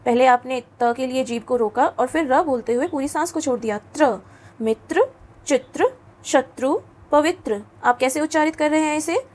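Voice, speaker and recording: A woman teacher giving a lesson to schoolchildren, patient and coaxing, often asking them questions, dropping English words into her talk and slowing down to pronounce letters and words clearly. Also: high-pitched, a little mellow. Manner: mixes English words into Hindi. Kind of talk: classroom lesson for children.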